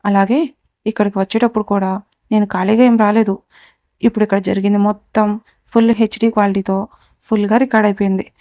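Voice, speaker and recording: ఒక స్త్రీ పలికించిన చల్లగా, పగతో బెదిరించే యువ వ్యాపారవేత్త. స్వరం ఏకరీతిగా, ముదురుగా, ప్రశాంతంగా ఉంటుంది. ఇది కాస్త మందమైన, ప్రతిధ్వని లేని recording. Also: female voice, mid-range voice, level tone, a little fast, long pauses, warm tone, dry recording, natural voice. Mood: threatening. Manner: coolly menacing, lays out accusations. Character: cold, powerful young businessman, vengeful. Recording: dull, dry recording.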